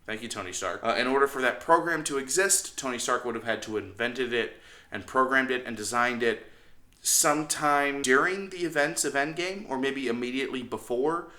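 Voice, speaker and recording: A man's voice: mid-range voice, moderate pace, pushed and bright. A man hosting a casual movie review, rambling and often doubling back on his phrases. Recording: echoey room.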